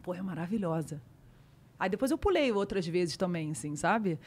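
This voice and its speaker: A middle-aged woman, a podcast guest telling a story in casual chat, lively and acting out her own past dialogue. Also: on the low side, normal speed, a crowd in the background.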